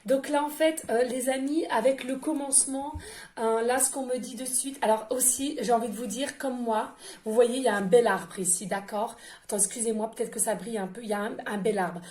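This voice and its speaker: A woman's voice: a little high, steady tone, fairly quick, darkish tone. A woman medium doing an oracle card reading for her viewers in a casual, effusive way, full of fillers and repetitions. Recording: echoey room with faint noise.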